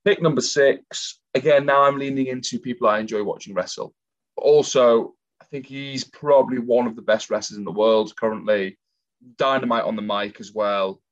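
A man's voice: mid-range voice, steady tone, brisk. A man with a mid-range voice co-hosts a casual podcast and tells stories in a chatty way. His sound is slightly dull and lo-fi. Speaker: podcast co-host.

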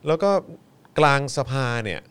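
A man's voice: normal speed, a bit bright. A man hosting a casual political chat show, recapping news in a chatty way with polite fillers and asking viewers to comment. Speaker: host.

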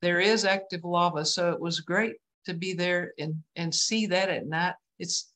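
A woman from West Texas with a West Texas twang, chatting as a guest on a video call in a halting, self-deprecating way. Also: fairly low pitch, fairly even intonation, a bit bright. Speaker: guest artist, painter. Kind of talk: casual interview chat over video call.

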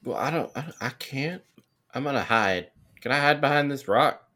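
A man's voice: medium pitch, normal speed, bright, forceful tone. A man playing a tabletop game, chatting casually in a playful, jokey way.

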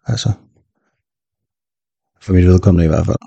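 A man speaking as a guest panelist on a casual football podcast, relaxed and wry, with many hesitations. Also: sits low, gravelly, slightly rough, dry recording, dull audio.

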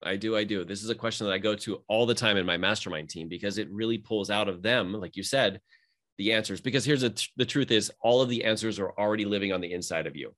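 Male coach, rapid motivational delivery, animated emphasis. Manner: energetic, motivational, rising pitch when emphatic. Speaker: mindset coach. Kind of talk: casual podcast conversation.

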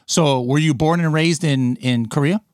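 A man's voice: a little high, normal speed, a little mellow, clear, resonant tone, no echo. Man, podcast host, upbeat, chatty, self-deprecating, dry mic. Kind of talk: casual interview chat.

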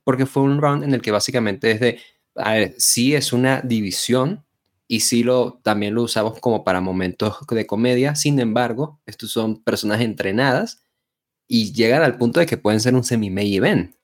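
A man co-hosting a casual wrestling discussion, talking informally and haltingly with chatty asides. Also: mid-range voice. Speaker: wrestling show co-host.

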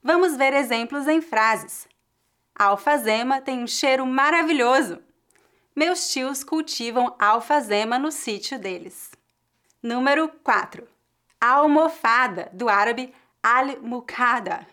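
A Brazilian woman teaching a language lesson with careful, deliberate pronunciation and a Brazilian accent. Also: high voice, a bit bright. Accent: Brazilian Portuguese. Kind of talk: clear, slow language lesson.

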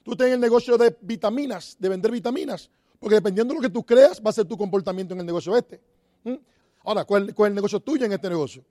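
A man's voice: high voice, quick pace, mellow, dry recording, clean studio sound. A man giving a motivational talk on network marketing, asking the audience rhetorical questions and repeating key phrases. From Dominican Republic.

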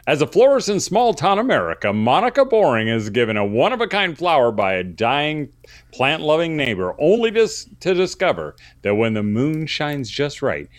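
A man putting on a movie-trailer announcer voice, reading slowly and weightily. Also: medium pitch, dry recording, clean studio sound, natural voice. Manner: slow, weighty trailer delivery.

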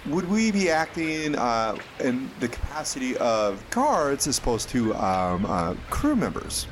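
A man chatting casually as a player in a tabletop game, halting as he talks. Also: mid-range voice, very animated, slight background noise. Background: music.

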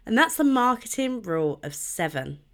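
Stuffy-nosed woman, lively pitch. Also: normal speed. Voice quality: nasal, stuffy nose from a cold. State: bunged up with a cold. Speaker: podcast host. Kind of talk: informal solo podcast presentation.

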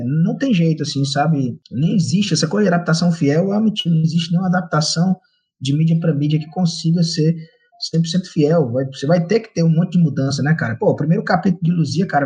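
Fast-talking Brazilian man, rambling. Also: on the high side, a little mellow. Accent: Brazilian Portuguese. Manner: rambling, frequent fillers, tag questions. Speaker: comics artist and co-author of an adaptation. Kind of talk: conversational interview talk.

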